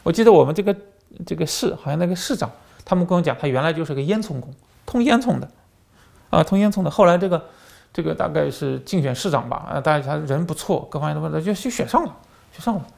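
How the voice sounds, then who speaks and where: This male channel host, once a journalist, speaks a little high with a darkish tone and some vocal fry, talking fast and with lots of energy. His political commentary unfolds as animated storytelling full of fillers and repeated words.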